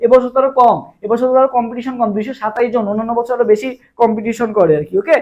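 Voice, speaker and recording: Tutoring for an admission exam, a young Bangladeshi man with a Bengali accent runs a live prep lesson, repeating the same question to viewers before revealing the answer and using memory tricks to drill it in. He speaks quickly in a fairly high, steady voice, with the high frequencies cut off.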